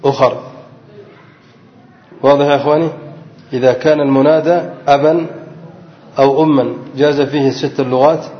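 A man teaching a grammar lesson who keeps pausing to have his students fill in words. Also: fairly high pitch. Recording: dull lo-fi recording with long reverb.

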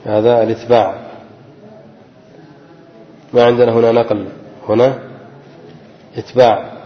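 A male teacher giving a lecture on a classical grammar text: he reads a passage aloud, then explains it slowly and quizzes his students. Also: mid-range voice, little pitch movement. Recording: dull, echoey recording in a large hall.

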